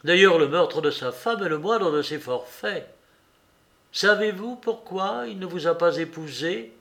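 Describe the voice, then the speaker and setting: A man reading the part of a stern police detective in an audiobook, speaking in a firm, measured way. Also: sits high, fairly bright tone.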